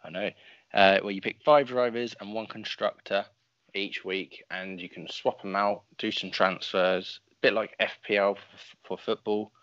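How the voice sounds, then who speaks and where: A man's voice: lowish voice, steady tone, moderate pace, fairly bright tone, dry recording, highs cut off. A man co-hosting a casual podcast, explaining things with dry, teasing humor. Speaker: podcast co-host.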